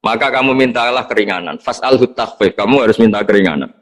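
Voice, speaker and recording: A man's voice: on the low side, fast talker, close to an everyday voice. A male preacher quoting an older prophet who likes to complain, urging his listener to ask for relief. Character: prophet Moses, an older man, fond of complaining.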